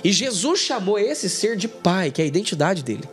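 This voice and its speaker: A man from Brazil teaching an online Bible lesson as a pastor, emphatic and animated, acting out dialogue. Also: high voice, a little fast, soft background music.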